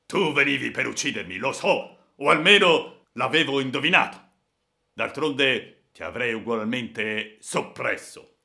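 A man voicing a cruel, vengeful male bandit in an audiobook, loud, menacing and gloating. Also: medium pitch, expressive, unhurried, creaky, voice pushed up, exaggerated voice. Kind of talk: audiobook character voice.

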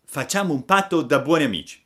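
A man's voice: fairly high pitch, expressive, fast, fairly bright tone, pitched above the performer's own voice. A man voicing a mischievous wooden puppet boy, eager and bargaining. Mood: scheming.

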